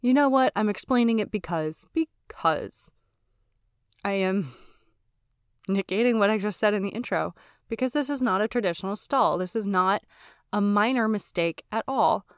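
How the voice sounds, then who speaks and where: A woman's voice: mid-range voice, normal speed, clear, resonant tone, no echo, clean studio sound. A woman hosting her own casual knitting podcast. She talks chatty and candid, mocks herself, and swears freely. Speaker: podcast host. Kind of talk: casual solo podcast chat.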